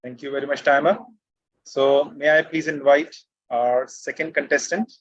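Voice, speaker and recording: Male event host, formal and courteous announcing, fairly high voice, dry, slightly muffled call sound. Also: fairly even intonation, normal speed, no echo. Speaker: contest host. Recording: slightly dull, lo-fi online call audio.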